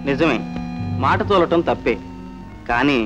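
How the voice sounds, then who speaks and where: An actor playing a principled young man in a 1960s film, soft-spoken and restrained. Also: medium pitch, unhurried, lo-fi sound, close to an everyday voice. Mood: subdued. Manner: subdued and soft-spoken, flaring into indignant outbursts. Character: upright young man, quiet but fiercely principled. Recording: old film soundtrack with faint music.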